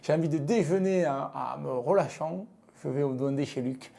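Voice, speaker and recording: Gravelly man with a southern French accent. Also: fairly high pitch, moderate pace, mellow, a little hiss or hum. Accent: southern French (Midi). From France, Lozère. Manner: frank, hesitant, many fillers and restarts. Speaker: guest, business leader. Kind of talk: casual interview talk.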